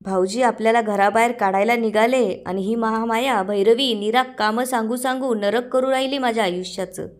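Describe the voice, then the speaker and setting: A woman reading the lines of a complaining, sharp-tongued housewife who. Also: a little high, steady tone, normal speed, hardly any pauses, close to an everyday voice. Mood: grumbling.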